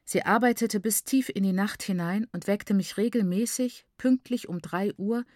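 A woman narrating a literary novel in the first person, in a measured, grave storytelling manner on a close mic. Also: medium pitch, a little mellow, no echo. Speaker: audiobook narrator.

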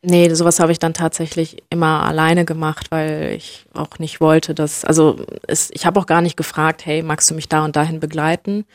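Young woman from germany, low flat voice, thinks out loud, dry sound. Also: normal speed, few pauses, no room sound. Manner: reflective, hesitant, searching for words. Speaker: guest. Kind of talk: personal interview conversation.

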